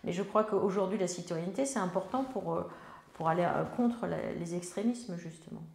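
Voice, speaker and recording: A woman member of parliament speaks in an interview with a low, mellow, gravelly voice. She hesitates often, restarting phrases and filling gaps. The room around her is noticeably echoey. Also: moderate pace. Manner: hesitant, many fillers and restarts. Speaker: elected member of parliament, guest. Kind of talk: interview answers.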